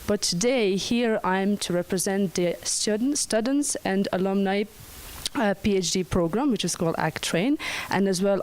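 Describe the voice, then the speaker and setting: A young woman presents at a conference in a friendly, easygoing way. Her voice sits at a middle pitch for a woman, and light laughs slip in between points. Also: a little hiss or hum, poor audio. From Croatia.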